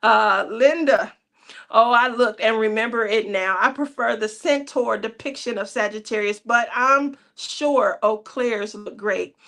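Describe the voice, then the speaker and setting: A woman's voice: a little high, a little slow, a bit bright. A woman, hosting a casual craft livestream, chatty and teasing with frequent laughter. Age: 30s. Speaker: craft channel host.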